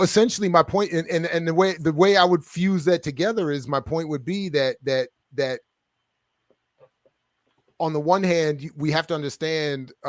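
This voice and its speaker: A man's voice: on the high side, dry recording, studio quality. A man guest, an author and scholar, answering interview questions with building passion over a video call. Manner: passionate, builds up and gets amped.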